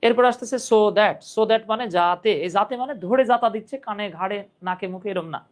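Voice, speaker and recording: A man from Bangladesh livestreams an English grammar lesson, chatting and joking directly with his students. He has a high voice at normal speed and uses a phone microphone.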